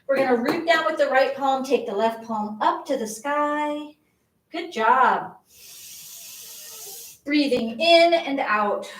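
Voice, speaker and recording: A woman's voice: fairly high pitch, distant mic. A middle-aged woman leading a live movement class as a yoga instructor, encouraging and chatty as she coaches each pose, a little out of breath. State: slightly out of breath. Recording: echoey room, voice from off-mic.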